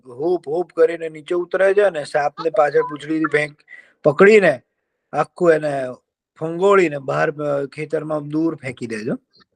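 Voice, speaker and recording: A man tells a children's folk tale in a homely, chatty manner, over a video call. His voice sits a little high for a man and carries a gravelly edge. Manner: folksy and chatty, fillers, lively voices for characters. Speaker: children's storyteller.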